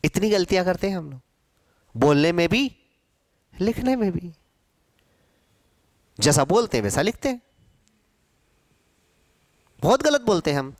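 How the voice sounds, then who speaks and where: A man teaching a Hindi class, slowly stretching and repeating syllables to drill pronunciation, and emphatically scolding students about common mistakes. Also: high-pitched, sing-song, no room sound, studio quality. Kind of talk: classroom lecture for exam students.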